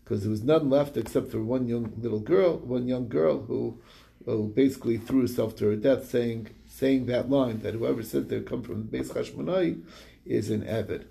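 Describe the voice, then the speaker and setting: A man's voice: mid-range voice, normal speed, gravelly, warm tone. A man casually retelling a Talmud story in quoted back-and-forth dialogue, with fillers and restarts. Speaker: Talmud study reviewer.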